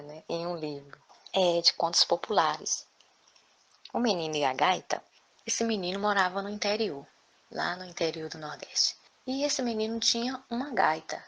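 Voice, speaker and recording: A woman storyteller telling a folk tale in an animated way, often adding tag questions. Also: lowish voice, gravelly. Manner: lively, frequent tag questions.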